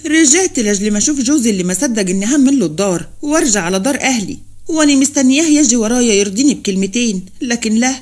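A woman's voice: fairly high pitch, expressive, very fast, a little mellow. A woman voicing a proud young wife who speaks bitterly in an Upper Egyptian accent. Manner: bitter, wounded pride.

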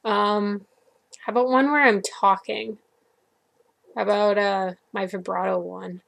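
A woman's voice: medium pitch, fairly even intonation, measured pace, creaky, a bit bright. A young woman vlogging to her webcam from her computer desk at home, chatty and cheerful, cooing now and then at her dog. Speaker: vlogger and violinist. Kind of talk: casual chat to camera.

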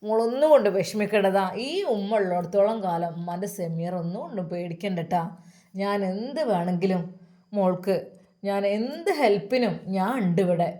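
A doting, devout old mother, as a woman puts her on, who speaks with a Malappuram accent and showers her children with blessings. Her voice sits at a middle pitch and moves in a fond, caring way. This is a figure from a spoken family story. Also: expressive, normal speed, dark tone, lightly acted. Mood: tender. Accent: Malappuram Malayalam. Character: devout elderly mother, tender and pious.

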